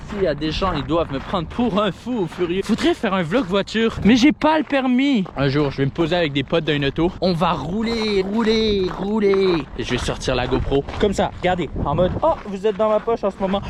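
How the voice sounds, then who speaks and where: A young man vlogging on his own as he walks outdoors at night, rambling excitedly to an action camera with bursts of shouting. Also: high-pitched, a little fast, few pauses, noisy background. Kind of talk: casual solo vlog to camera. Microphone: action camera mic.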